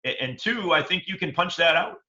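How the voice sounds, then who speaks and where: A man co-hosting a casual chat show, his bright, sharp voice sitting a touch high. He rambles with stammered restarts, and the sound is dull and lo-fi. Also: lively intonation. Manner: rambling, halting with repeated restarts. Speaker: co-host.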